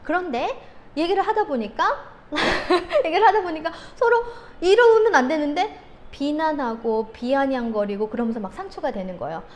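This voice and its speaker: A woman's voice: high-pitched, moderate pace. A woman counselor giving a lecture on handling anger, telling stories vividly and acting out the scenes. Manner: animated storytelling, acts out quoted scenes.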